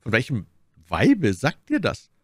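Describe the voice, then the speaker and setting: A man voicing a stern, imperious older male cardinal in an audiobook, speaking slowly and deliberately with a menacing edge. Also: mid-range voice, huge pitch swings, husky, no echo, clean studio sound, voice pushed up, exaggerated voice. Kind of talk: audiobook character voice.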